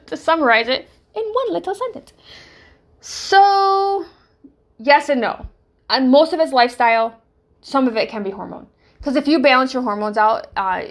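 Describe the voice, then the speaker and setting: A woman's voice: fairly high pitch, gravelly. A middle-aged woman with a Southern US accent hosting a casual solo fitness podcast, rambling and thinking aloud with fillers. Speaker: podcast host, fitness coach.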